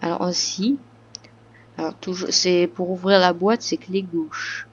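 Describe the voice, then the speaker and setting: A woman's voice: fairly low pitch, fairly even intonation, a little slow, slightly rough, lo-fi sound. A woman talking through a game tutorial in a casual voice-over, hesitant, with many fillers and restarts. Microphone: computer microphone.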